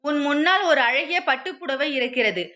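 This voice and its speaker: A woman's voice: high-pitched, lively intonation, normal speed, sharp tone. A woman voicing a protective middle-aged father who reasons patiently with his daughter in a spoken story. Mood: reasoning.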